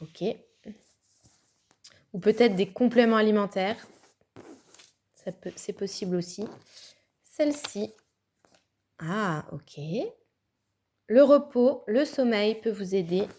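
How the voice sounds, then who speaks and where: A woman's voice: mid-range voice, slow pace, long pauses, warm tone. A woman giving a casual, chatty tarot card reading, thinking aloud with fillers and little laughs. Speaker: tarot reader.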